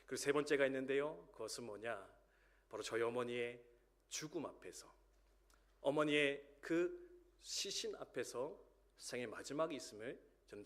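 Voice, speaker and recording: Animated male preacher telling a story. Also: mid-range voice. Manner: storytelling, acting out a dialogue between students. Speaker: pastor. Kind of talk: sermon. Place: church sanctuary.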